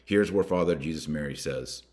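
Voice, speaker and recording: This American podcast host has a rumbling low voice with a slightly mellow edge. He reads material and adds commentary, speaking deliberately and stressing important words and names.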